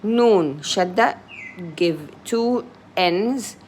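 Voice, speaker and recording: Slow woman teaching recitation. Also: mid-range voice, lively intonation, darkish tone, a little hiss or hum. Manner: sounds out each Arabic letter and vowel mark, then explains in simple English. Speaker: Quran reading teacher. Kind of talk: slow letter-by-letter recitation lesson.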